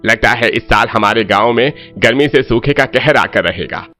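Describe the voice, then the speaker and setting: A man voicing a worried village elder in a cartoon story, speaking gravely. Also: mid-range voice, normal speed, pushed and bright, soft background music, natural voice.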